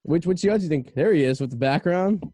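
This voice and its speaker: Male host, mellow mid-pitched voice, close dry sound, casual banter. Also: animated, fast, dry recording. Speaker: podcast host.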